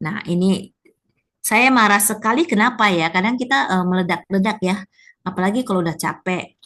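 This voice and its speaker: A woman's voice: medium pitch, a little fast, fairly bright tone. Female workshop speaker, conversational teaching talk, mid-range voice, keeps checking in with the room through tag questions. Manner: chatty, frequent rhetorical tag questions.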